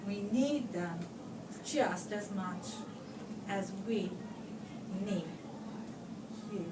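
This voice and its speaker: In a mid-range voice, a woman reads a picture book to children like a teacher, phrasing things expressively and deliberately and leaving pauses for her young audience. The distant microphone gives a roomy recording with background noise clearly audible.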